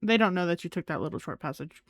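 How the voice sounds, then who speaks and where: A woman's voice: fairly low pitch, lively intonation, fast, dry recording, studio quality. A woman narrating as game master in a tabletop game, casual and a bit hesitant.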